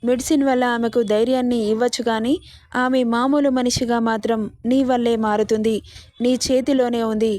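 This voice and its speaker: A woman's voice: fairly high pitch, flat delivery, moderate pace, a little mellow, no echo, close to an everyday voice. A woman voicing a middle-aged male psychiatrist in a spoken story, lecturing sternly.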